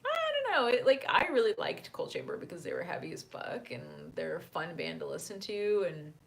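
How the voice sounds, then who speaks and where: A woman casually chatting on a live stream, reading out chat messages, laughing often and filling pauses with "um" and "uh", speaking into a desk microphone. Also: fairly low pitch, wildly swooping pitch, creaky. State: hiccuping.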